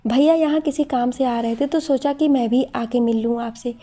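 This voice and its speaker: A woman voicing a calm, quiet young teacher in a story, speaking softly and politely. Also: on the high side, normal speed, lightly acted. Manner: soft-spoken, polite.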